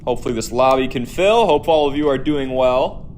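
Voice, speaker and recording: A man's voice: mid-range voice, a little fast, darkish tone, a little hiss or hum. A man hosting a casual live stream, chatting with viewers and answering their comments as he plays, with an echoey room sound and no headset. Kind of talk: casual live-stream chat while gaming. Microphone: no headphones, audio through device.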